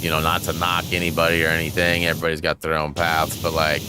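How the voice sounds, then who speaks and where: A man's voice: a bass voice, completely flat delivery, fast talker, noisy background. A man in his forties chatting casually over gameplay as a channel host, rambling with many fillers and frequent chuckles. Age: 40s.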